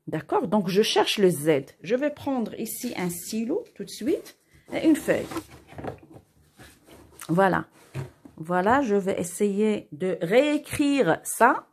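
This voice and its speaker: A woman's voice: mid-range voice, mellow. A woman teacher working through an exercise step by step, patiently repeating herself and asking and answering her own questions as she writes on paper. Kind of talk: step-by-step math and physics lesson.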